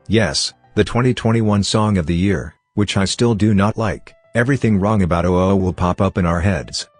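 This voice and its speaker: A computer-generated male voice with a deep, slightly husky tone reads a scripted commentary. Its delivery is even and machine-like, and soft music plays faintly behind it. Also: no echo. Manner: even synthetic read-out delivery. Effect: text-to-speech robot voice. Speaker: channel host.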